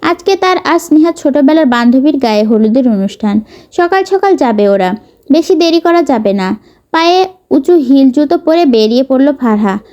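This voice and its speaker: High, mellow female storyteller. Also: lively intonation, normal speed. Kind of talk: scripted narration of a romance novel.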